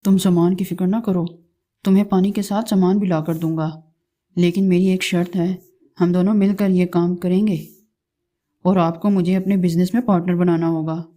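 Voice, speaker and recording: A woman's voice: on the low side, fairly even intonation, normal speed, mellow, close to an everyday voice. A woman voicing a lazy, resentful young male crow in a cartoon, sounding whiny.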